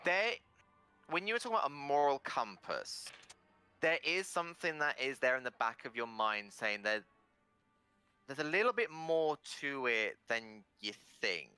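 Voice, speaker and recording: Man, game master, fantasy narration, dramatic pauses, sharp clear voice, soft music behind. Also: medium pitch, big pitch swings.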